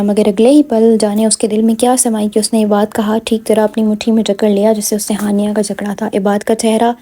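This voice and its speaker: A woman's voice: a little high, dark tone. Woman reading a novel aloud. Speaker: narrator.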